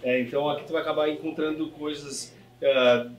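Halting shop-owner man. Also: fairly high pitch, fairly even intonation, echoey room, a crowd in the background. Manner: hesitant, many "ah" fillers and restarts. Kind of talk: casual interview answers. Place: inside his small shop.

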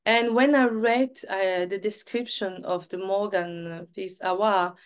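A woman's voice: medium pitch, steady tone, unhurried, clean tone. A woman, hosting an interview over a video call and giving short affirming replies. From Cameroon. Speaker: host. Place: home setup with virtual background.

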